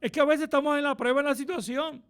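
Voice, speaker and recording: High gravelly preacher over soft music. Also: male voice, steady tone. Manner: impassioned, swings from hushed to loud and fast. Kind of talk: radio sermon.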